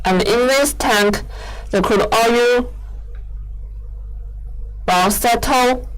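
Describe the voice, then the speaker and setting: A woman giving an explanatory product demonstration in halting, non-fluent English, often repeating words as she goes. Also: fairly high pitch, smooth, rough recording. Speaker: equipment company presenter giving a machine demo.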